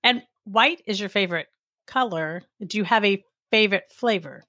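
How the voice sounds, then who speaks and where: A woman's voice: mid-range voice, moderate pace, bright, forceful tone, no room sound, studio quality. A woman from the United States co-hosting a casual chat and answering with short words of encouragement.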